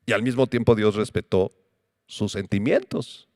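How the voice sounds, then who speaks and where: A man preaching a Bible-teaching sermon as pastor, asking rhetorical questions and answering them himself, and slowing down to repeat key words. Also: fairly low pitch, darkish tone, no room sound, studio quality. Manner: emphatic, repeats key words slowly for note-taking.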